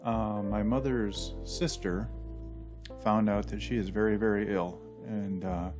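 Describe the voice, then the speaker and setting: A man's voice: fairly low pitch, fairly even intonation, unhurried, over music. A man narrating his sailing vlog at home, chatty and rambling with plenty of fillers and self-deprecating asides. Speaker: sailing channel host. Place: house full of dogs.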